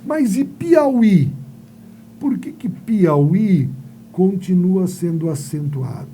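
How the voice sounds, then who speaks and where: A man's voice: high voice, sing-song, extremely slow, warm tone, slight background noise. A male teacher giving a playful grammar lesson, asking and answering his own questions and telling silly stories.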